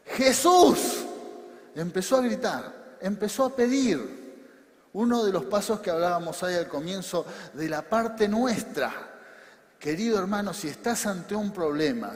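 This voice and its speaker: Rioplatense male pastor, sermon, high voice, shouts then softens, long hall reverb. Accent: Rioplatense Spanish. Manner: preaching with bursts of shouting and soft drops.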